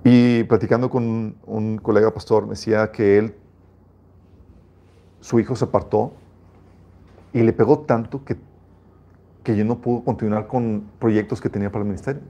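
A man's voice: fairly low pitch, steady tone, normal speed, pauses often, dark tone. A man preaching a sermon as a pastor, reading scripture aloud and speaking emphatically, often restarting his phrases.

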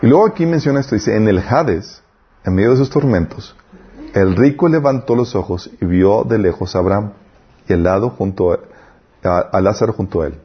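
A husky-voiced man leads a casual Bible class, talking conversationally and often asking the group to confirm what he says. The recording is muffled and lo-fi. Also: lowish voice, moderate pace. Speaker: Bible teacher.

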